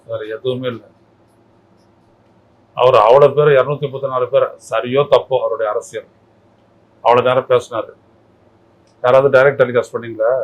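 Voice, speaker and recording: In a heated interview, a man speaking as a political commentator mocks and scolds, firing off one rhetorical question after another in a combative way. His voice is medium-pitched, and the audio sounds dull.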